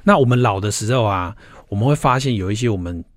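A younger man with a Taiwanese Mandarin accent, a doctor guest on a radio show, explaining things in a measured, lecturing way. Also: lowish voice, lively intonation, no echo, studio quality. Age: young adult. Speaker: guest, doctor and book reviewer. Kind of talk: explanatory interview talk.

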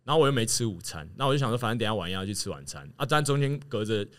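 A man telling a story in casual chat, animated and laughing as he acts out what others said. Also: on the low side, rapid-fire. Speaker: podcast guest telling a story.

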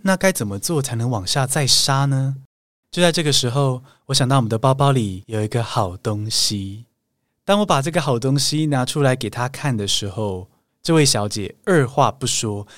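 A podcast host and English speaking coach, speaking at medium pitch, leads an English lesson by telling a travel story in a playful, teasing way. The recording is dry and clean, with studio sound.

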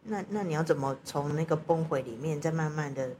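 Woman, Taiwanese accent, quite low pitch, halting explanatory chat, occasional English words, faint noise. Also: darkish tone. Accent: Taiwanese Mandarin. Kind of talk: casual reflective chat.

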